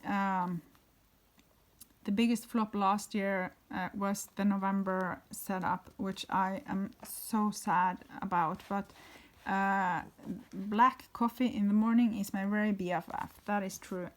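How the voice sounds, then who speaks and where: A woman from Norway, chatty and rambling with plenty of fillers, giving a casual flip-through narration of her bullet journal indoors. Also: medium pitch.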